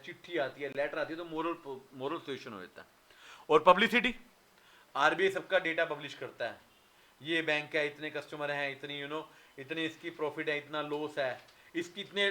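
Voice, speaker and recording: A man's voice: on the high side, sharp tone. A man in his thirties teaching an exam revision lecture, firing questions at his students and answering them himself, with Indian-accented English words.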